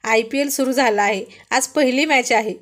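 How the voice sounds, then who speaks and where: An impatient young man pushing his friends to hurry up, as a woman narrator puts him on. His voice is pitched slightly high, and he sounds urgent throughout the story. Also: moderate pace, a bit bright, close to an everyday voice. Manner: impatient, urging.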